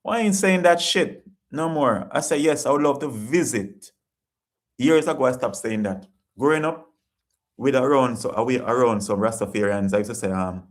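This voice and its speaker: In a mid-range voice, a Jamaican man hosts a casual live-stream chat, reading out viewer comments. His delivery is earnest, repetitive, and preachy.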